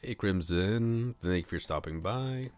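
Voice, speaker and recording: Unhurried and a little mellow, a low-voiced man streams himself narrating a visual novel, tossing in playful, casual comments. Music plays in the background.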